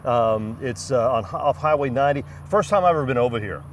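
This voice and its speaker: A man's voice: mid-range voice, expressive, fairly quick, slight background noise. Man presenting outdoors, slightly distant. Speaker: host. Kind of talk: casual on-location presenting. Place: outdoors at a swamp ranch.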